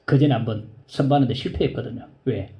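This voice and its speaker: A male pastor preaching a sermon, telling a story in a low voice and rising to high, pleading cries. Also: fast, dark tone.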